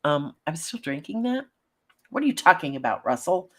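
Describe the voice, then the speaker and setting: A woman's voice: deep voice, very animated, normal speed, fairly bright tone, heavily acted. A woman voicing a young female college freshman, read aloud in a plain voice. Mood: irritated.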